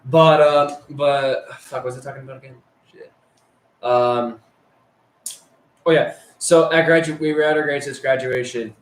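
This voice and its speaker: A man's voice: mid-range voice, steady tone, normal speed, long pauses, reverberant, poor audio. A teenage male telling crude, rambling stories about school, heavy on swearing and filler words. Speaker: storyteller. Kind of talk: casual storytelling.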